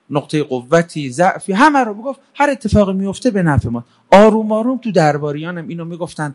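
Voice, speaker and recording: Male storyteller, high voice, very lively intonation, casual spoken folk tale, conversational. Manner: conversational, lively retelling with fillers.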